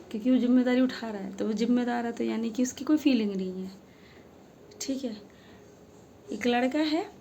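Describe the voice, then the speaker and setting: A woman's voice: a little high, dark tone, slight background noise. A woman telling an earnest, emphatic story to her followers, asking rhetorical questions as she goes. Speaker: social media creator. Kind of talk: heartfelt storytelling monologue.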